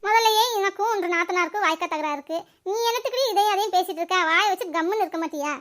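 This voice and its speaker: A woman voicing a sharp-tongued, gossiping adult village woman in a cartoon. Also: very high-pitched. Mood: scolding. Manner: scolding, quick and mocking. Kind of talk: cartoon voice acting.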